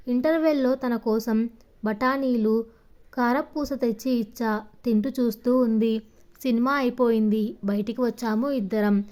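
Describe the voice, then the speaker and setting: A woman's voice: fairly high pitch, a little mellow. A woman reading a first-person story aloud as narration, giving the dialogue light voicing.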